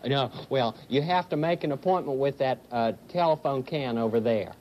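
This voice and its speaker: A man voicing a friendly, folksy young owl puppet in a gentle, encouraging way on a children's show. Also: mid-range voice, moderate pace, muffled recording, a little hiss or hum, natural voice. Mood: helpful.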